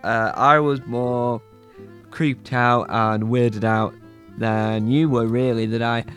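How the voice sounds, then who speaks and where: Guy putting on a low rambling talking badger, earnest, faint music behind. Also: steady tone, takes it slowly, a bit bright. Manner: rambling, eager to explain.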